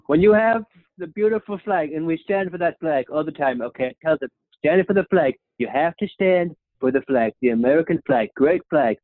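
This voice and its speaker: A man's voice: lively intonation, moderate pace, no echo, close to an everyday voice. Guy doing a bragging president who rambles and says okay all the time, tinny phone sound. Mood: boastful. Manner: rambling, repeats "okay?" with a dropping pitch. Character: boastful male president, rambling and self-praising. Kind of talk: comedic impression sketch.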